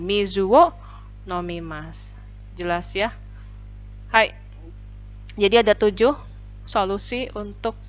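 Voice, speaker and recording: A woman teaching a language class, patiently explaining vocabulary and repeating phrases slowly for students. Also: mid-range voice. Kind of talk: online classroom lesson. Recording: dull lo-fi recording.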